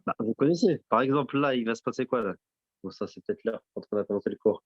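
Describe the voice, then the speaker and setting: A man's voice: mid-range voice, lively intonation, fast talker, no echo. Man quizzing a class, lo-fi. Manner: quizzes the class, repeats and affirms answers; mixes in Arabic religious terms. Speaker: teacher. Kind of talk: interactive classroom lesson.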